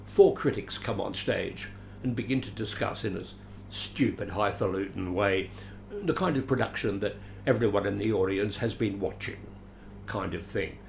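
A veteran actor, older and from Adelaide, Australia, chats as an interview guest, rambling through his recollections with dry jokes at his own expense. His fairly low voice carries vocal fry at a normal speed, with slight background noise.

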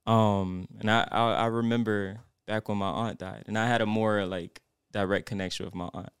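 A young male podcast co-host shares a personal story in casual chat, reflective and rambling with plenty of fillers. He speaks at normal speed in a lowish, steady, clean voice, captured in a dry studio-quality recording.

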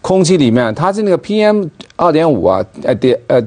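Mature man, Hong Kong Cantonese accent, dark mellow tone, halting, repetitive phrasing, casual panel guest. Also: fairly high pitch, very animated. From Hong Kong, born in Guangzhou. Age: middle-aged or older. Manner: halting, repeats words and phrases. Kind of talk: casual discussion, personal recollection.

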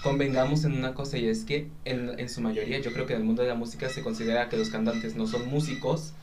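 A man's voice: medium pitch, steady tone, fast, background noise. Thoughtful man explaining things. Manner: explanatory, thoughtful, builds arguments. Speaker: podcast co-host. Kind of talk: casual chat.

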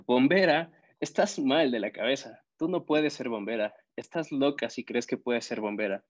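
A man voicing a tall, boastful schoolboy who talks loudly and scornfully, in an audiobook story on a slightly dull recording. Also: medium pitch, normal speed, lightly acted. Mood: shouting. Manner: loud and scornful.

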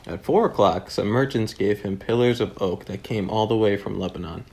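A middle-aged man with a low, gravelly voice reads a children's storybook aloud at home. His delivery is steady and unhurried. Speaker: storybook reader. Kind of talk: reading a children's picture book aloud at home.

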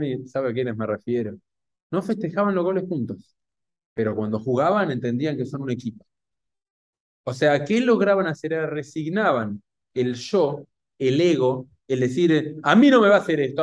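A man with a Rioplatense Spanish accent giving a Torah class to an audience, animated and full of rhetorical questions. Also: mid-range voice, no echo. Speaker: rabbi or Torah teacher.

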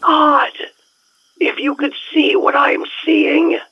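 A man voicing a terrified, hoarse man who pleads frantically over a telephone line from deep underground. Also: little pitch movement, slow, heavily acted. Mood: panicked. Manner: frantic, pleading, near shrieking. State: hoarse with fear. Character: terrified man calling up from a crypt.

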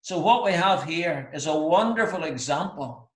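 A man preaching an earnest expository sermon, often restarting his sentences and filling pauses with "uh". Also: on the high side, animated, reverberant.

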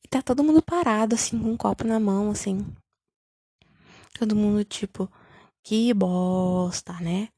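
Young woman ranting about a terrible movie, husky, kinda high, dry close sound. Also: a little fast, pauses often, dry recording. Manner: sarcastic, incredulous, animated retelling. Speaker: vlogger reviewing a film. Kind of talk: casual comedic recap.

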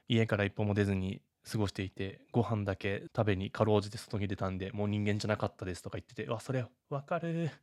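Male podcast host, lowish voice, rapid animated delivery, dry close recording. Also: no room sound. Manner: fast-talking, animated, chatty. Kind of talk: casual solo podcast talk.

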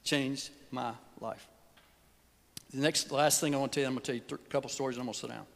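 A man's voice: mid-range voice, steady tone, fast talker, creaky. A man preaching a sermon in a folksy, earnest way that often sinks to a near whisper. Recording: long hall reverb.

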